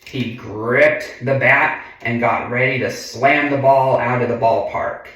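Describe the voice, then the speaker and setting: An adult man with a medium-pitched, fairly bright voice reads a children's picture book slowly and deliberately. He drops in casual, chatty asides and murmurs mm-hmm often. The room is very echoey and he sits far from the mic.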